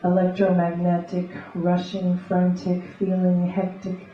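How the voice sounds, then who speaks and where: A woman reading beatnik spoken-word poetry live, in rhythmic, deliberate, short clipped phrases. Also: on the low side, completely flat delivery. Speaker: poet and conceptual artist. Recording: echoey live room, distant muffled mic, faint noise.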